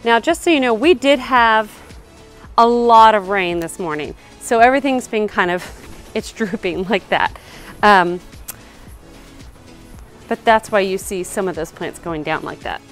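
A woman's voice: mid-range voice, a little slow, long pauses, fairly bright tone, faint music behind. A woman, giving a casual, upbeat garden tour outdoors and explaining as she walks, recorded on a handheld camera. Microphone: handheld camera, selfie framing.

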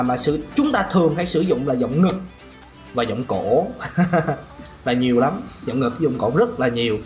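A man teaching singing in a lively question-and-answer lesson, often chuckling and demonstrating voices. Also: medium pitch. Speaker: vocal coach. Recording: roomy room with faint music.

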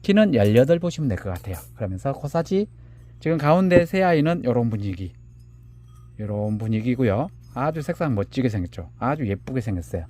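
Lively-voiced man showing handmade pots. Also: medium pitch, fairly quick, over music. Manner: gentle, measuring aloud, calls pots "little ones". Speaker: seller of handmade plant pots. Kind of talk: product showcase live sale.

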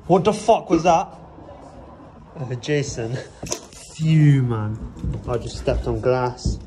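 A young man filming himself and friends inside a dark abandoned building, talking in slang, hushed and jittery, on a handheld phone. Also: medium pitch, animated, slow pace, background noise. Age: young adult. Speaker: vlogger filming an urban exploration. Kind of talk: casual chat while exploring. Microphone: handheld phone camera. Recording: phone audio with chatter around. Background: friends chatting nearby.

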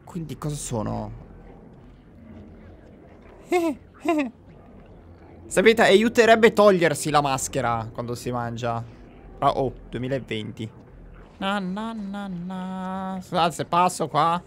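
Excitable high-voiced gamer. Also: male voice, slow pace, pauses often, a little hiss or hum. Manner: excitable, jokey, swings to panicked yelling; addresses viewers directly. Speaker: gamer playing a horror game. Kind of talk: let's play commentary.

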